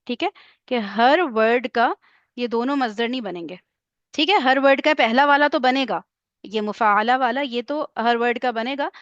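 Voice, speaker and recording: A woman's voice: fairly high pitch, fairly bright tone, dry recording. Woman teacher, dull dry sound. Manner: explains step by step, checking in with repeated "okay". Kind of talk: classroom explanation.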